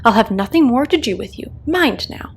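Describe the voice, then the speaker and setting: A woman's voice: on the high side, lively intonation, moderate pace, slight background noise, voice pushed up, close to an everyday voice. A woman voicing a polite, earnest, curious storybook girl who speaks in a prim, questioning way. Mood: stern.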